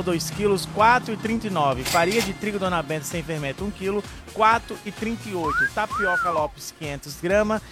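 A Brazilian man pitching supermarket offers live on radio like a market barker, reeling off products and prices. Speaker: supermarket spokesman reading out offers.

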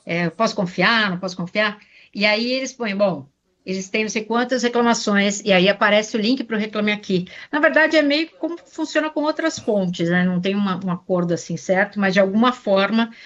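Woman chatting on radio, dull sound. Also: mid-range voice. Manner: conversational, lots of fillers. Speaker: radio columnist. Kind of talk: casual radio chat.

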